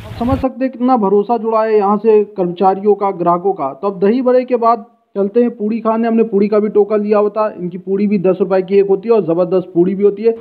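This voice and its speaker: Guy vlogging food, fairly high voice, tinny phone-line sound. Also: steady tone, fast, hardly any pauses. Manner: chatty, guiding the viewer along. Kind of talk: casual walking food-vlog narration. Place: outdoor street and busy food shop. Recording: tinny phone-like street recording.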